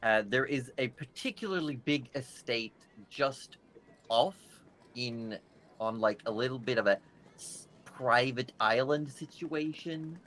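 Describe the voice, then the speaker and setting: A man's voice: mid-range voice, unhurried, a bit bright. A man narrating a tabletop game as game master, describing scenes with many fillers.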